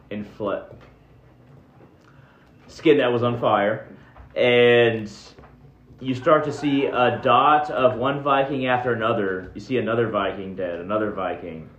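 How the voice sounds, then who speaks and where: A man's voice: on the low side, fairly bright tone, slight background noise. Male game master, easygoing narration, dull roomy recording. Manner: laid-back, chuckling, descriptive.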